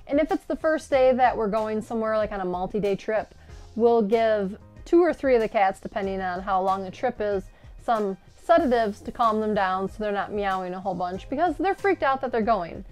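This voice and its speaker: A woman in her forties giving casual, animated tips in a home-made vlog, seated at a table inside an RV and filmed from a short distance. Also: medium pitch. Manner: chatty and animated, gesturing while explaining. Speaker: RV lifestyle vlogger.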